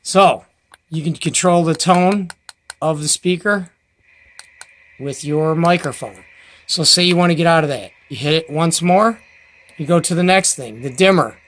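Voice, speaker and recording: Filming at home with a handheld camera mic, a man who hosts a CB radio review channel unboxes and reviews gear, enthusiastic, folksy and rambling. His fairly high, a bit bright voice moves a little slowly with long pauses, and there's slight background noise.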